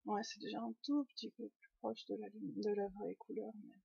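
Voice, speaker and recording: Chatty woman, husky webcam voice. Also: medium pitch, brisk, mellow, dry recording, highs cut off. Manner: chatty, rambling, lots of fillers and restarts. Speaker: knitting podcast host. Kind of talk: casual chat to webcam. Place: home room.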